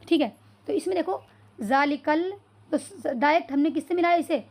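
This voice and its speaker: A woman's voice: high-pitched, darkish tone. A woman teaching an Arabic lesson who asks questions, answers them herself and often checks whether the class has understood. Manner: checks understanding with "clear so far?"; spells out Arabic words slowly.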